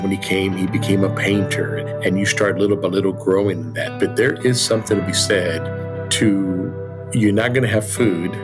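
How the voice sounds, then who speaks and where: A middle-aged man from Cuba, a company president, telling his family's immigrant story in an earnest, grateful way. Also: low voice. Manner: earnest, grateful, repeats words when starting a thought. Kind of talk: reflective storytelling interview. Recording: music bed underneath.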